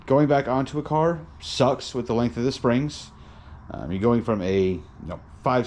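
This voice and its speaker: A man giving a casual car vlog in a tired, sedated, halting way, sounding drowsy and medicated. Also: on the low side, a little mellow, slight background noise. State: tired and drugged on muscle relaxers. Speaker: car vlogger and home mechanic.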